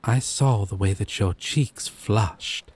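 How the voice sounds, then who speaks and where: A man performs a soft-spoken, breathy monologue as a gentle but possessive, obsessive dating-sim character, letting pauses linger. His lowish voice carries no echo, and he sounds tender and smitten.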